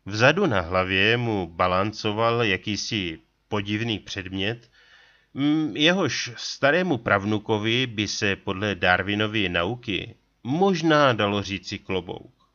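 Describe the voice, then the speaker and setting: Man reading an adventure story, lowish voice, kinda muffled lo-fi audio. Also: expressive, pushed and bright. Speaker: audiobook reader. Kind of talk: scripted story narration.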